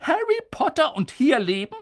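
A man voicing a stern, sharp-tongued elderly female witch professor in an audiobook reading, pushing his voice up high and insistent. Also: huge pitch swings, normal speed, heavily acted. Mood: agitated. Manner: insistent, agitated, high strained voice. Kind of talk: audiobook character voice.

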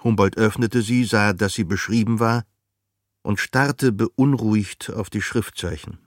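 Narrating a novel as an audiobook, a man with a lowish voice keeps his scripted storytelling measured and even. The studio-quality recording carries no room sound.

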